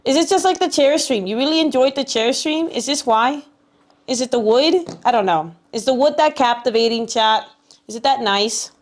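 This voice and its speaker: High-voiced woman streamer, cute and bubbly. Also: normal speed. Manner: chatty, repeats herself. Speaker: livestreamer. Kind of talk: casual livestream chat with viewers.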